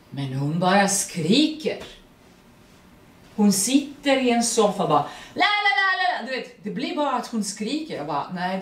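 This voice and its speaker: A woman with a Serbian accent and Serbian as her first language, speaking as the guest at a public artist talk, animated, laughing often and searching for words. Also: low-pitched. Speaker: guest actress. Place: print workshop event room. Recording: roomy, distant mic, faint noise.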